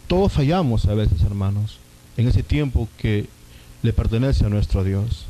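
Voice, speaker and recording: A man's voice: lowish voice, lively intonation, unhurried, dark tone, rough recording. A man, a pastor, preaching a sermon and telling a personal testimony, often calling his listeners brothers.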